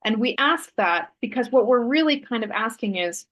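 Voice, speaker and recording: A woman guest in a relaxed interview, telling a story in a thoughtful, meandering way, with fillers and self-corrections. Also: fairly high pitch, normal speed, rough recording. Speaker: interview guest, artist and Human Design author.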